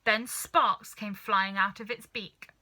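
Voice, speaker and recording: Taking the role of storybook reader, a woman narrates a children's tale with deliberate, expressive delivery. Her pitch is medium.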